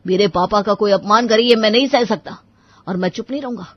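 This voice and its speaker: A woman voicing a hot-tempered young married man who is protective of his father and quick to raise his voice. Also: lowish voice, slightly rough, no echo, dull audio. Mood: angry. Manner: indignant, raises voice.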